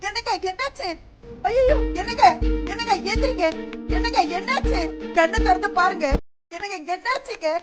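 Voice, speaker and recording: Panicked wife, middle-aged, tearful pleading, high-pitched, dramatic music behind. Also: female voice, normal speed. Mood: pleading, sobbing. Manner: sobbing, pleading, repeating calls. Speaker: wife in a TV serial.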